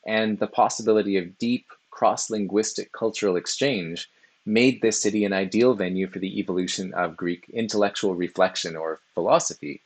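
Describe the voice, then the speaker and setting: A man giving a recorded philosophy lecture, explaining at a measured pace with frequent "uh" fillers. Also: fairly low pitch.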